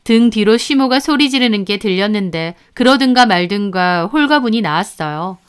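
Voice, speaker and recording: Woman narrating a story, smooth voice. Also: medium pitch, expressive, normal speed. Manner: aggrieved first-person storytelling.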